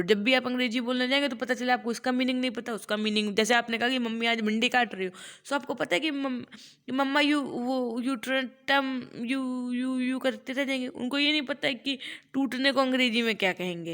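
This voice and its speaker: Woman teacher w indian accent doing an online class, bit high voice, reads english slow and explains fast. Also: fairly bright tone. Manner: reads English passages slowly, explains quickly in Hindi. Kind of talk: online lecture mixing Hindi and English.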